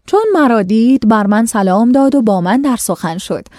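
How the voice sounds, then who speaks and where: Lively woman storyteller, dry close sound. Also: on the high side, dry recording. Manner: switches between formal reading and chatty commentary. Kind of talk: reading a classic tale aloud with casual explanations.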